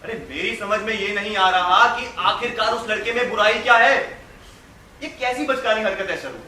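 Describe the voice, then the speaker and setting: A young man playing a quick-witted wanderer who narrates in a measured, reflective way. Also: high-pitched, sharp tone, a little hiss or hum. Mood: pleading. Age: young adult. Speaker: student stage actor. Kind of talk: stage play narration and acting. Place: large hall stage. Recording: echoey hall from far, music.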